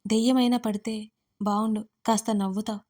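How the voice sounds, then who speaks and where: A woman narrator voicing a gentle, affectionate young woman in a storybook, speaking softly and coaxingly. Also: mid-range voice, flat delivery, a little fast, natural voice. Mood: tender.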